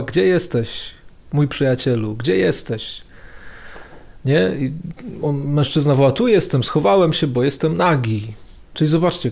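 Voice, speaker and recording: A man's voice: mid-range voice, darkish tone. A man giving a casual video sermon as a priest, talking in a conversational, slangy way and repeating phrases for emphasis.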